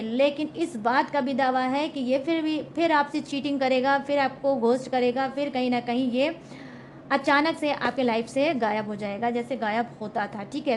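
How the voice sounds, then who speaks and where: A woman's voice: high-pitched, slight background noise. A young woman giving a casual tarot reading to her viewers, chatty and emphatic, checking in with them often. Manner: chatty, repeats "ठीक है?" and "guys" often; emphatic, confident predictions. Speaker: tarot reader.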